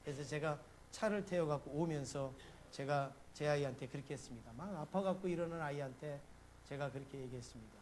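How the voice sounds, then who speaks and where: Middle-aged man, pastor, storytelling sermon, slightly high voice, faint noise behind. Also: a little fast. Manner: storytelling with sudden loud bursts when acting out his panic. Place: church sanctuary.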